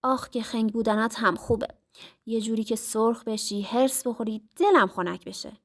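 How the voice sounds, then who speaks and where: A woman voicing a cocky, teasing young husband in a told story. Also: on the high side. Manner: teasing, mocking.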